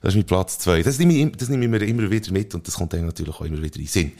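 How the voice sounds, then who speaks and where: A man co-hosts a casual podcast. His voice is low but swings about a lot. He muses aloud and hesitates often. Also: animated, racing, very noisy. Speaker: podcast co-host. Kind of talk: casual chat.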